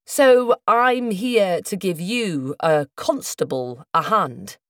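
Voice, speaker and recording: Brief: easygoing young Welsh constable, male, cheeky and unhurried, a touch raised in pitch, put on by a woman reading. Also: animated, dry recording, clean studio sound.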